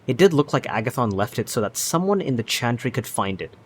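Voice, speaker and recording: A man's voice: medium pitch, big pitch swings, brisk. A man reading a story game's first-person narration aloud as he plays. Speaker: video game player reading aloud. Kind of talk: dramatic reading of game narration.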